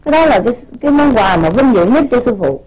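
A woman's voice: on the high side, expressive, fast talker, darkish tone, poor audio. A woman spiritual teacher giving an informal sermon to her disciples. She scolds, repeats words while searching for them, and keeps asking rhetorical questions.

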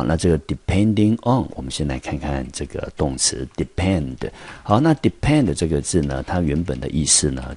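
A man's voice: a bass voice, darkish tone, husky. A male English teacher with a Taiwanese Mandarin accent giving an online vocabulary lesson, explaining step by step with many fillers.

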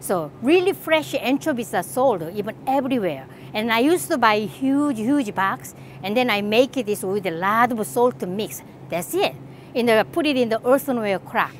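Middle-aged korean-accented lady, chatty and upbeat, filming herself in a grocery store, kinda high voice. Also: expressive, normal speed, a little hiss or hum. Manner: chatty, enthusiastic, laughs often. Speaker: cooking channel host. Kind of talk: casual shopping walkthrough. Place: large grocery store aisles, indoors.

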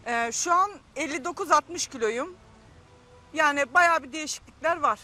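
A woman's voice: high voice, normal speed, bright, forceful tone, soft background music. A young woman contestant answering a host's questions, a little shy and giggly. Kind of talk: on-camera interview answers.

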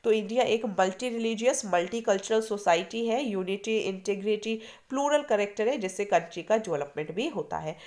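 A woman's voice: mid-range voice, moderate pace, hardly any pauses, a little mellow. An Indian woman teaching a history lesson for exam preparation in mixed Hindi and English, explaining patiently and asking her students questions.

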